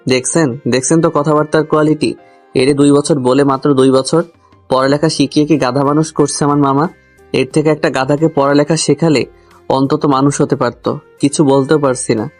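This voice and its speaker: A man, both narrator and lead character, relates a comic love story in the first person against soft background music. His voice is on the high side, with fairly even intonation, a slightly fast pace, and a contained range. His manner is grumbling and confiding, aimed squarely at the listener.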